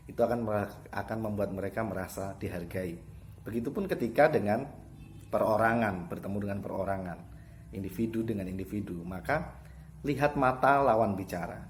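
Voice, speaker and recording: Low-voiced man teaching a lesson. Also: slight background noise. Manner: explanatory, repeats key points, demonstrates tone shifts. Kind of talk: online lesson to students.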